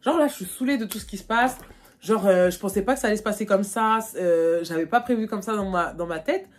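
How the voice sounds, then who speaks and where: A young woman from France, telling a casual storytime to her vlog audience in animated, slangy talk full of fillers. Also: medium pitch, fairly quick, slight background noise. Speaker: vlogger. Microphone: phone.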